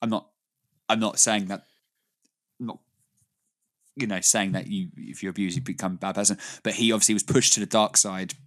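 A man from Britain co-hosts a relaxed podcast conversation. He rambles, laughs often and restarts his sentences. His voice sits on the low side. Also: a little fast, long pauses. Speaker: podcast co-host. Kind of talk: casual chat.

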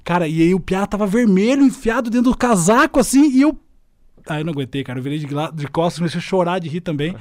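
A fast, high-pitched man with a widely swinging pitch. The recording is dry and close. He tells the story like a performer and acts out each scene. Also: lively intonation, no echo. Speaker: teacher. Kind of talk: casual chat.

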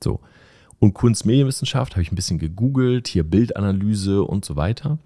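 A man's voice: lowish voice, lively intonation, fairly quick, warm tone. A young man from northern Germany, a podcast host telling stories in a chatty, self-mocking way, with many fillers, acting out the people he quotes. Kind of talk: casual storytelling monologue.

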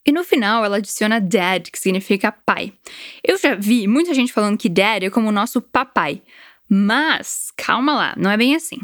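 In a clean studio recording with no room sound, a Brazilian woman gives a chatty, encouraging English lesson, explaining the words as she goes. Her voice is medium-pitched, expressive and fairly bright, and she speaks at a moderate pace.

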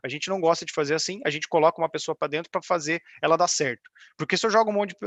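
A man with a Brazilian Portuguese accent presents informally on a video call in a fairly high voice. The sound is dry, and he explains step by step, punctuating his points with little tag questions. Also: a bit bright, no room sound. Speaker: financial advisory firm leader presenting. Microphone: video call microphone.

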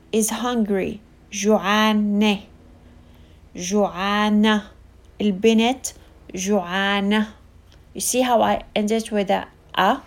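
A woman tutoring Arabic in a casual online lesson, explaining slowly with repetition and frequent fillers. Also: a little high, a little mellow. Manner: slow, repetitive teaching with many fillers.

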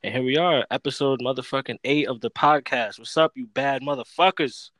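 A man's voice: mid-range voice, a little fast, fairly bright tone, dry recording. A young man from Florida hosting a casual podcast, profane and laid-back, laughing often. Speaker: podcast host.

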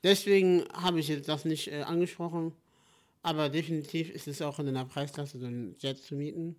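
A young man co-hosting a casual podcast, talking in an animated, jokey, rambling way. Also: a little high, a little fast. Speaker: podcast co-host. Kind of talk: casual chat.

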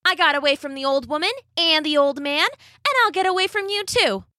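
A woman's voice: sits high, a little fast, pushed and bright, dry recording, studio quality, voice pushed up. A woman voicing a cheeky runaway gingerbread cookie boy in a taunting sing-song chant.

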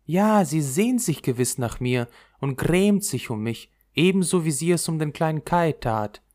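A man's voice: expressive, measured pace, a little mellow. A man voicing Gerda, a small anxious girl searching for her lost friend, in a raised pleading voice. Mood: longing. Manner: pleading, raised girlish pitch.

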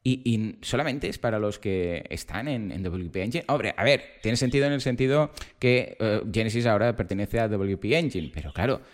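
A man's voice: fairly low pitch, animated, moderate pace, few pauses. A man from hosting a casual tech podcast, explaining with everyday examples and firing off rhetorical questions. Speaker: podcast host.

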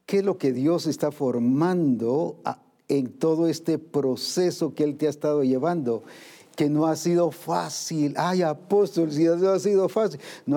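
Warm-toned preacher man, dramatic delivery. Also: on the high side. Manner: preaches with questions and acted-out voices of believers. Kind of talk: sermon.

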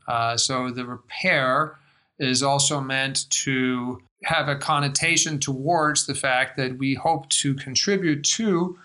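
A middle-aged man from Denmark with an American-influenced Danish accent, giving measured, thoughtful interview answers as a guest. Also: mid-range voice, sharp tone. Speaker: guest, life-science investor.

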